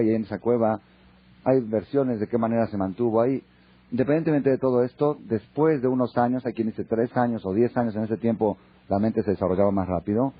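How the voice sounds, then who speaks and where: A man with a Mexican accent, a rabbi teaching a Torah class in a lively storytelling way. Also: medium pitch, husky. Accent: Mexican Spanish. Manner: lively, acts out dialogue. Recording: dull lo-fi recording.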